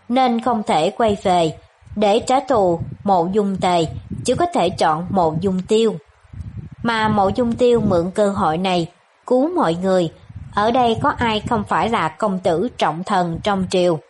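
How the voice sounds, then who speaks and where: A woman narrating an audiobook of a palace-intrigue novel in a steady, even storytelling manner. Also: mid-range voice, slight background noise, poor audio. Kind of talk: scripted narration.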